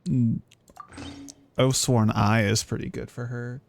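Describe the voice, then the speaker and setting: A man with a gravelly, mid-range voice talks slowly and keeps his pitch fairly steady. He's streaming a game with casual commentary, rambling and thinking aloud informally, with faint game music behind him.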